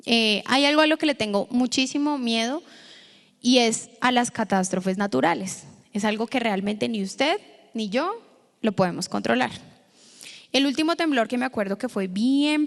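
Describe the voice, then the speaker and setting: A woman pastor giving a sermon, telling a personal story to the congregation in a lively, direct way. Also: a little high. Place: church hall. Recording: long church hall reverb.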